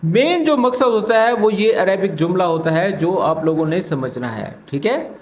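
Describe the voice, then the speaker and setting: A man hosting a language lesson, patiently explaining phrases and repeating them slowly. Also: high voice, lively intonation, reverberant, a little hiss or hum. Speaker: Arabic teacher, channel host.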